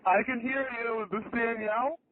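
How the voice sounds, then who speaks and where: A woman using a voice changer to pose as a male caller named Frank, pressing a deadpan prank over the phone. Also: on the high side, normal speed. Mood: insistent. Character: fake caller posing as a man named Frank. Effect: voice changer morphing her voice. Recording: tinny phone line with faint hiss.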